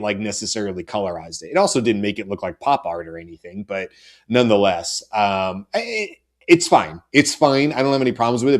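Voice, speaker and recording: A man's voice: lowish voice, darkish tone. A middle-aged man co-hosting a panel show, chatting casually with many fillers and restarts. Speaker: co-host.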